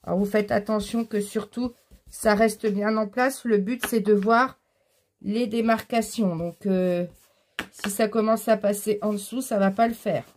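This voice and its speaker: A woman's voice: medium pitch, fairly even intonation, measured pace, a little mellow, a little hiss or hum. A woman hosting a casual craft tutorial, explaining each step while she works, with frequent fillers. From France.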